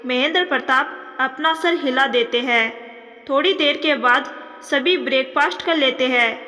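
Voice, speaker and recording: A woman narrating a family drama story in a steady storytelling manner. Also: high-pitched, unhurried. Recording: long reverb.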